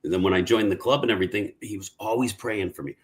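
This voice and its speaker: A man's voice: lowish voice, quick pace. A middle-aged man, a guest in a live interview, telling stories in a rambling, casual way, often repeating and restarting words.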